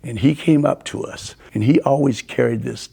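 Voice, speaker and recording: An older man as a guest, telling animated stories and acting out the quotes. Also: mid-range voice, moderate pace, gravelly, husky. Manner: animated storyteller, acts out quotes. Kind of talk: storytelling in a conversation.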